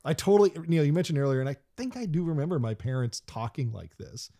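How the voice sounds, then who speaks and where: A man's voice: on the high side, lively intonation, fast, mellow. A man co-hosting a podcast, chatting casually in a rambling way with lots of laughing and filler words. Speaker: podcast co-host. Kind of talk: casual chat.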